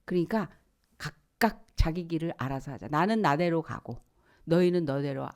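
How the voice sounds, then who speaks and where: A woman pastor giving voice to a weary, stern God who is giving up on his people. He speaks calmly and plainly, resigned, in a fairly low voice. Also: moderate pace.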